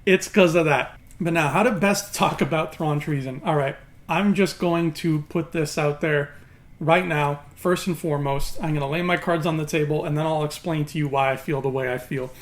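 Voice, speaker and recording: A man's voice: fairly high pitch, steady tone, moderate pace. A man hosting an opinionated video review in an emphatic, sarcastic, exasperated way, his words slightly mumbled as if he had marbles in his mouth. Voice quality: slightly slurred, marbles-in-mouth articulation from a swollen mouth. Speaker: YouTube host reviewing books.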